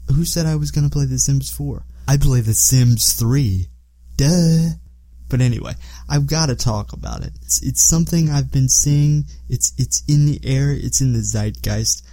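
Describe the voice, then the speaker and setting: A man's voice: mid-range voice, normal speed, mellow, no room sound. A man hosting a podcast solo, talking casually in a rambling, self-deprecating way. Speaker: podcast host.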